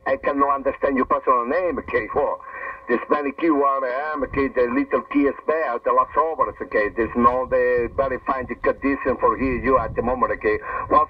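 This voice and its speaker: A man's voice: medium pitch, breathy edge, dull audio. Spanish man over fading shortwave radio. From Spain. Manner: apologetic, keeps asking okay. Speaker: ham radio operator. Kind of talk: ham radio contact. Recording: faint hissy distant shortwave radio.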